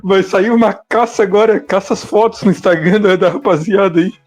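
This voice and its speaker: A man's voice: sits high, brisk, soft background music. A man commenting on a podcast in a casual chat, joking and self-mocking, with a Brazilian Portuguese accent.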